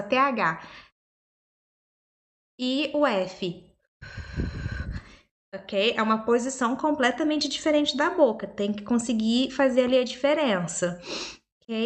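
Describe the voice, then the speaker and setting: A young woman whose first language is Portuguese teaches English pronunciation at an unhurried pace. She breaks each word into its sounds and says it again and again, slowly. Her voice sits a little high. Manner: explains step by step, repeats words slowly. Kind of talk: pronunciation lesson.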